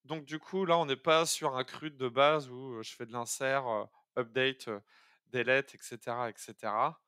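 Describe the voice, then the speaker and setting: A man walks viewers through an algorithm on a live coding stream. He talks casually, stops and restarts his sentences, fills gaps with hesitations and thinks out loud as he goes. His voice sits in a middle pitch and sounds dry and close to the mic. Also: fairly even intonation, normal speed, clear, resonant tone, no echo. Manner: chatty and hesitant, many fillers and restarts, thinks aloud.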